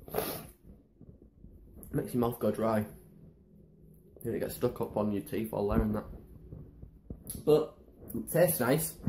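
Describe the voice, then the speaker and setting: A man's voice: medium pitch, mellow, echoey room, slight background noise, low-quality recording. A man casually vlogging in his home kitchen, rambling and chatty, filmed on a tripod camera. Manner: rambling, chatty and self-mocking. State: slightly out of breath. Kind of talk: casual how-to vlog.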